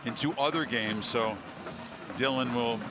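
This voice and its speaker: A man gives live football commentary as the play-by-play announcer. His voice sits at a middle pitch, with music clearly audible behind him. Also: a little slow.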